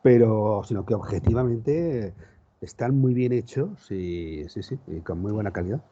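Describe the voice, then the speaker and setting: A man's voice: fairly low pitch, measured pace, dark tone. A man with an accent from Spain chatting casually as a podcast co-host, hesitant and repeating words for emphasis. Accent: Spanish from Spain. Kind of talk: casual chat. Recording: slightly muffled sound.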